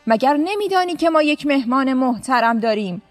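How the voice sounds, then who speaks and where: A woman voicing an arrogant, scornful male governor in a story, talking down with loud, mocking words. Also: high voice, animated. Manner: shouting, mocking and haughty.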